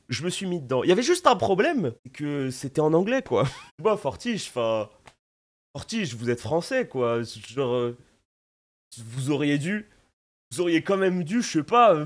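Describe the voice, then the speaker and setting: A man from France with a French accent, chatting casually to his viewers in an animated, slangy way, full of fillers and restarts. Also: on the high side. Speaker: streamer. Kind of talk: casual recap chat to viewers.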